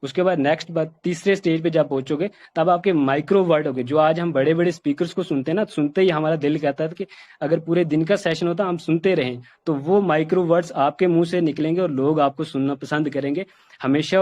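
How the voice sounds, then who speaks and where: In a muffled recording, a man gives a conversational lesson on communication skills in a voice that's on the high side and a little mellow. He leans heavily on fillers and keeps saying "ठीक".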